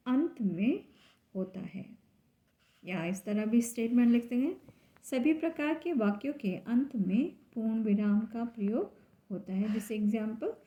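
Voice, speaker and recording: A woman teacher, going through a grammar lesson slowly and step by step, asking and answering her own questions. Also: on the high side, mellow. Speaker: school teacher.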